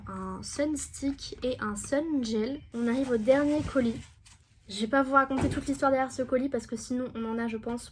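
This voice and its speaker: A woman's voice: a little high, very noisy. A young woman from France, a beauty vlogger, chatting casually and enthusiastically as she unboxes products, with rambling asides.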